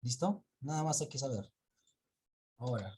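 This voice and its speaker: Husky-voiced male teacher quizzing his class. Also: mid-range voice, expressive, normal speed, warm tone. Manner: explains step by step and quizzes students. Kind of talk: classroom grammar lesson.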